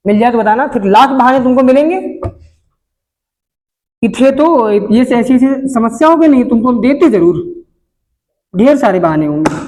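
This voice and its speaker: A man's voice: very high voice, a little mellow. A man who teaches at a coaching institute, speaking in Hindi with a north Indian accent as he gives his class earnest, moralizing life advice and keeps putting rhetorical questions to them.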